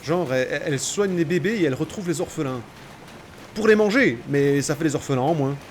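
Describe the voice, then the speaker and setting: A man talking through a video game in a loose, joking way, mocking the monsters as he fights them. His voice is a little high and swings up and down a lot. A clear noise sits behind him throughout. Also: lively intonation, brisk. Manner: sarcastic, joking, talking to himself and the enemies. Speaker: gamer playing through a game. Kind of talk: casual let's-play commentary.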